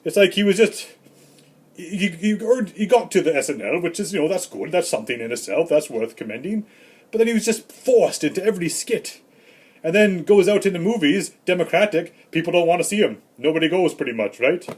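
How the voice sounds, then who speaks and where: Grumpy old santa ranting on a comedy vlog, husky kinda breathy voice, a bit high, some guy doing him. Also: fairly quick. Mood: grumbling. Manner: rambling, grumbling, deadpan self-important asides. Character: rambling grumpy old Santa Claus, male. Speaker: comedy vlogger.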